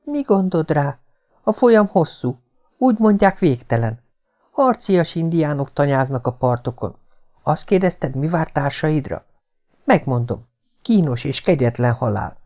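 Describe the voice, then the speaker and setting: Larissa, a hushed scheming young woman read by a man. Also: a little high, animated, pitched above the performer's own voice. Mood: ominous. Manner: hushed, coaxing whisper.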